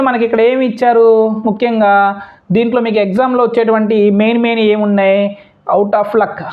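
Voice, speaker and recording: A woman teacher runs an exam-prep lesson, repeating questions and answers and mixing English words into her explanations. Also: on the high side. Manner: repetitive question-and-answer drilling. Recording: dull lo-fi audio.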